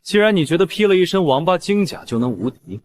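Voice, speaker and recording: A man's voice: high-pitched, animated, quick pace. An actor playing a swaggering young male fighter who mocks his foes in a coarse way. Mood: cocky. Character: cocky brawler man, a body cultivator.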